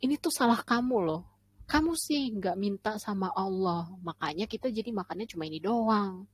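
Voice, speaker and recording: A woman voicing a whiny crowd of ancient grumblers who scold and blame, rattling off demands in a high, nagging tone. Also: natural voice, rough recording. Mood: whiny blaming. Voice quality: high, scolding, listing things rapidly.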